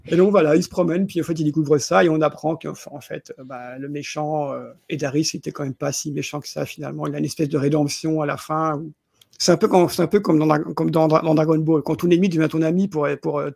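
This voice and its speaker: Reviewing films on a podcast, a male co-host talks casually, often stumbling, repeating himself and chuckling along the way. He speaks quickly in a high-ish, steady tone that is darkish and slightly rough with vocal fry. The studio sound is clean with no echo.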